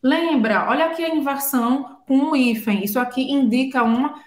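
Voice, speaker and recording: A woman teaching a language lesson, explaining patiently and spelling out sounds slowly. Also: high voice, echoey room. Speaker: French teacher.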